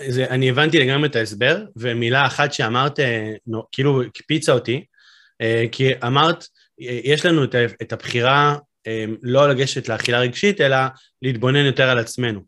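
A man's voice: mid-range voice, fairly even intonation, fairly bright tone. Curious male host asking questions. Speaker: podcast host. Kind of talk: podcast interview questions.

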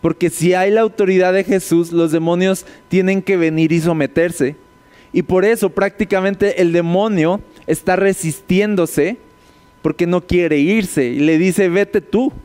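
A man teaching a conversational sermon, explaining scripture and often checking in with his listeners through quick tag questions. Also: high-pitched, fairly even intonation, darkish tone, clear, resonant tone, long reverb tail. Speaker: preacher.

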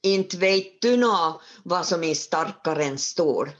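A proud, short-tempered emperor barks out his questions, voiced by a woman telling the tale. The voice is lowish, and the recording is dull. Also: lively intonation, a bit bright. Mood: demanding. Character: proud, angry male emperor.

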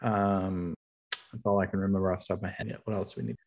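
A man's voice: deep voice, flat delivery, quick pace, a little mellow. A man recapping and running a tabletop game as game master, talking in a rambling, hesitant way with many fillers.

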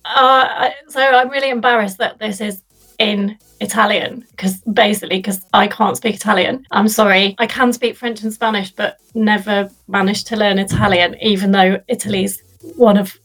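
A woman in her thirties from the UK talks easily as a podcast guest, at a middling pitch. She is chatty and quick to poke fun at herself. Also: fairly even intonation, a bit bright, soft background music, poor audio. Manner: chatty, self-deprecating. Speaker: guest, PR professional. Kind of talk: podcast panel talk.

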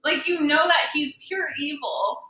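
A woman hosts a casual podcast, cracking sarcastic jokes as she talks. Her voice is bright and a little high. The room around her is echoey. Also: animated, measured pace. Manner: sarcastic, jokey. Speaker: podcast host. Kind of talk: casual chat.

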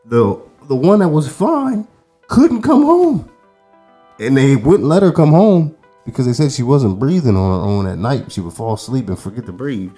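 A man's voice: medium pitch, sing-song, moderate pace, warm tone, husky, faint music behind. Laid-back cursing man telling a story. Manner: laid-back, rambling, curses often, many fillers. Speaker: podcast co-host. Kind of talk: casual storytelling chat.

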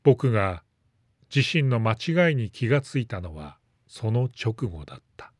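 A man reading a story aloud in a calm, measured narration. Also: on the low side, husky, no room sound, clean studio sound. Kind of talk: scripted narration.

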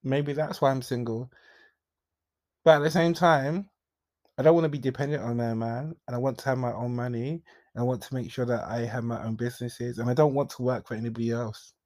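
A young man hosts a podcast on his own, speaking in a frank, confiding way with sudden bursts of emphasis. His voice sits at an ordinary male pitch. The sound is dry and close, with no room echo. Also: steady tone, fairly quick, darkish tone. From Jamaica. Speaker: podcast host. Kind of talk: candid solo podcast monologue.

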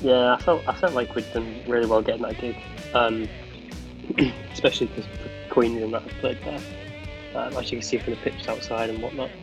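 A man chats loosely about playing gigs with his band. He rambles, restarts and laughs often. Clear guitar music plays underneath him. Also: mid-range voice, steady tone, brisk. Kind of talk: casual chat.

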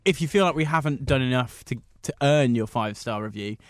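A man's voice: medium pitch, brisk, no echo. A man co-hosting a podcast, teasing his friend with dry humor in casual chat. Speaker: podcast co-host.

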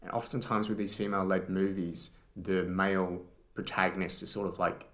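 A man with a notably deep voice talks through a film rewatch in relaxed podcast chat. He is keen and rambling, full of "um" and "like" and restarts. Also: normal speed. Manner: enthusiastic, rambling with fillers and restarts. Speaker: podcast co-host.

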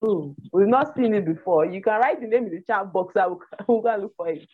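A woman's voice: medium pitch, expressive, fairly quick, breathy edge. A woman chatting casually and eagerly as a panelist in a discussion. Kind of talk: casual chat. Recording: tinny phone-like online call.

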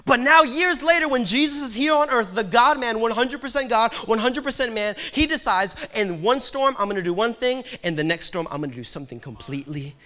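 Young man, pastor, preaching with dynamic hushed-to-loud swings; high, bright voice. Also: expressive, a little fast, few pauses. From Puerto Rico. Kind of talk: sermon.

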